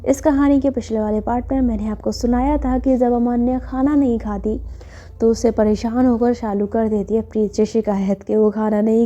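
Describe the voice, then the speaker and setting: A woman's voice: a little high, mellow. A woman storyteller narrating a serialized story in a chatty, intimate way. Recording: dull lo-fi with faint music.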